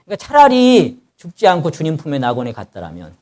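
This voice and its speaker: A man's voice: a little high, wildly swooping pitch, quick pace, darkish tone. A man preaching a sermon as pastor, reading scripture aloud and explaining it with passion, crying out as the sufferer. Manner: reads scripture aloud, then explains it in plain speech; impassioned, cries out in the voice of the sufferer.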